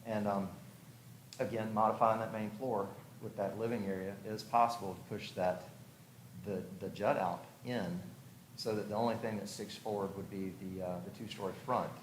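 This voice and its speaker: This is a man with a fairly low voice and a steady tone, keeping a moderate pace. He's a house designer giving a review commission an informal, explanatory talk at a public hearing, thinking aloud in a conversational way. The recording has an echoey room sound and clearly audible background noise.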